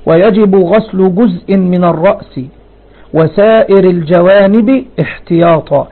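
A man with a high voice and some vocal fry gives a religious lesson, reading lines of a text aloud and then unpacking them with rhetorical questions. The audio is narrow-band, like a phone call.

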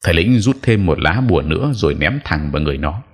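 A man narrating a horror story in a measured, even storytelling voice. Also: low-pitched, slightly rough.

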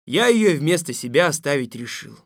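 A stern, weary tsar from a fairy tale who barks his orders in a gruff, commanding tone. His voice sits a little higher than most men's, and the recording is close and dry, with no room sound. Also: sing-song, normal speed, fairly bright tone, no room sound, full character voice. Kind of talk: audiobook radio play.

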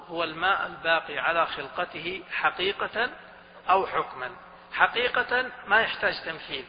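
A man giving a lecture on Islamic jurisprudence, who quizzes the students often and repeats his points. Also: high voice. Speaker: religious studies teacher. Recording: dull recording with a long hall reverb and faint hum.

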